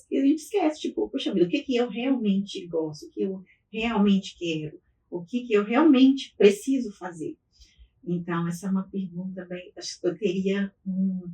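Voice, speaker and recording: A woman's voice: mid-range voice, roomy sound, distant mic, low-quality recording. A middle-aged woman from Minas Gerais, Brazil, chatting as a podcast guest about her life and often restarting her sentences. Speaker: guest, business owner. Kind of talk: interview storytelling.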